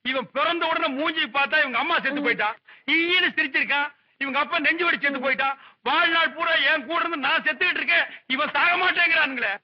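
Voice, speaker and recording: High-voiced mocking village man, old film sound kinda dull. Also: fast talker. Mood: pleading. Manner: scolding, sarcastic. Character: sharp-tongued village man, middle-aged, mocking.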